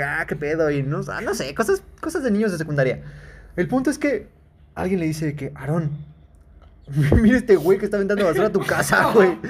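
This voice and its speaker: A man's voice: high-pitched, slight background noise. Laid-back Mexican guy bantering. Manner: slangy, laughing banter. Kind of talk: casual chat.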